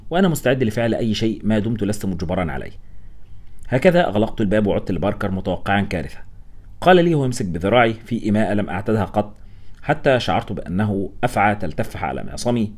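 Male audiobook narrator, lowish voice, quick, expressive, wry. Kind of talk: audiobook reading of a novel.

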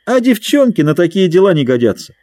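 A man's voice: high-pitched, big pitch swings, dark tone, no echo, clean studio sound, voice pushed up. Man doing a brash hot-headed boy squire. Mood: scornful. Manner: boastful, quick to anger.

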